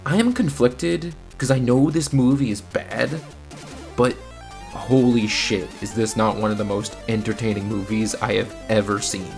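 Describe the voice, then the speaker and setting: A man with a low, slightly mellow voice with vocal fry narrates a scripted film review a little slowly and in a steady tone. The video host sounds casual, wry and opinionated, with faint music in the background.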